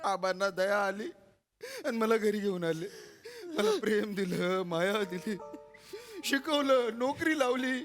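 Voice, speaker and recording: A man's voice: sits high, unhurried, soft background music. An actor playing an adopted son mourning his late father in a stage comedy skit, sobbing and comforting others. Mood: grieving.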